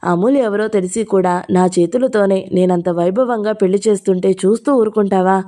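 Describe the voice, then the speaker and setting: A woman voicing a proud, sharp-tongued old grandmother who scolds in heated outbursts, in a Telugu audio novel. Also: mid-range voice, moderate pace, natural voice. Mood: shocked.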